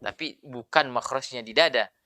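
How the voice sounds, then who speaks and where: A male Quran recitation teacher giving a patient tajwid lesson, explaining slowly and sounding out letter sounds to show how they are made. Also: medium pitch, sharp tone. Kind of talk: tajwid lesson with spoken demonstrations.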